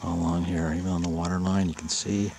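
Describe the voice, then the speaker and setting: A deep, gravelly man vlogs at a quick pace from his kayak, eager and sometimes hushed, as he searches a lake by a rocky shore for a monster. He narrates casually in first person while paddling, often dropping to a whisper. Loud splashing water and paddle noise sit behind him on the outdoor camera audio.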